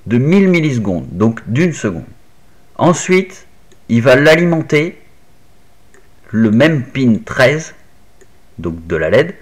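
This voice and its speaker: A man casually walking the viewer through a hands-on electronics tutorial, step by step, with little fillers like "hop" and "tac". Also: medium pitch. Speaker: maker explaining an Arduino project. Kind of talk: casual screen-recorded tutorial.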